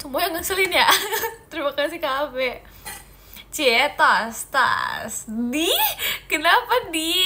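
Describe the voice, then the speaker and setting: A woman's voice: sits high, pushed and bright. A young woman from Indonesia hosting a casual phone livestream, chatting playfully with viewers and teasing them. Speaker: idol livestream host. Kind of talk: casual livestream chat answering viewer comments.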